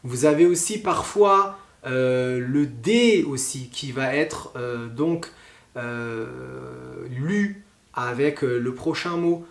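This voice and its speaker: A man with a French accent teaching pronunciation, talking slowly and deliberately with many hesitations. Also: mid-range voice, gravelly, reverberant. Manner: slow, deliberate, with frequent hesitations.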